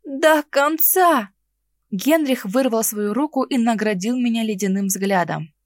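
A woman reading a fantasy novel aloud in first person, lively and expressive. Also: mid-range voice, moderate pace, no room sound, studio quality. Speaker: audiobook reader. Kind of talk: audiobook narration.

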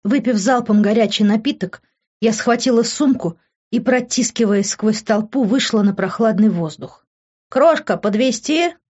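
A woman's voice: mid-range voice, darkish tone, husky, muffled recording. A woman reading a first-person novel aloud as an audiobook narrator, with an emotive storytelling manner.

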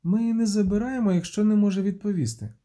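A man's voice: sits high, a little fast, mellow, voice pushed up, close to an everyday voice. Man reading a curt, wary woman soldier.

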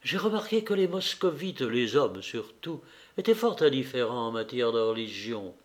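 A man's voice: medium pitch, very animated, normal speed, voice pushed down, close to an everyday voice. Amiable easygoing nobleman, read by a man. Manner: polite, agreeable.

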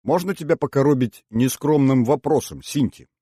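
A man's voice: medium pitch, moderate pace, warm tone, breathy edge, no echo, studio quality, voice pushed up, natural voice. A man voicing a playful, mocking male diplomat who teases his partner. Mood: teasing. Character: ironic male vice-consul, teasing and playful.

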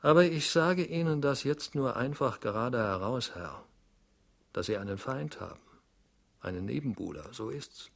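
A man's voice: medium pitch, lively intonation, normal speed, gravelly. A man reading aloud and voicing a blunt, gossipy manservant who keeps addressing his master deferentially. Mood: knowing. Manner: blunt, deferential, matter-of-fact. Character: gossipy blunt male servant. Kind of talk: audiobook reading.

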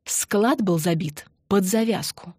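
A woman narrating an audiobook in a measured, matter-of-fact way. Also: medium pitch, a little mellow, husky, no room sound, studio quality. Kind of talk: scripted narration.

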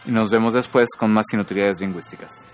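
Lower-voiced man narrating a lesson. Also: steady tone, soft background music. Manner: explains clearly, repeats words slowly to demonstrate sounds. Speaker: podcast host. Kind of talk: scripted educational narration.

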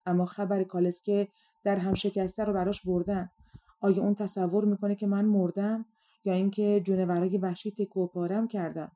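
A woman's voice: mid-range voice, little pitch movement, dark tone, natural voice. A woman voicing a sorrowful exiled queen in an audiobook fairy tale, speaking plaintively. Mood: mournful.

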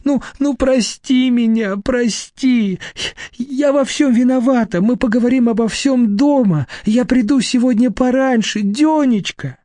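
A man reading an audiobook, voicing a distraught young wife who pleads through tears in a high voice. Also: slow pace, warm tone, no room sound, clean studio sound, exaggerated voice. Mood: tearful. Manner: pleading, breathless, high and tearful.

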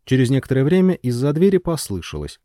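A man narrating a novel in the first person as an expressive audiobook storyteller. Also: medium pitch, quick pace, no room sound, studio quality.

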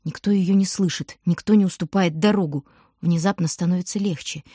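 A woman reading a children's story aloud as narrator, steady and expressive. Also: lowish voice, fairly quick, husky, no echo, clean studio sound. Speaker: audiobook narrator. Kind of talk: scripted narration.

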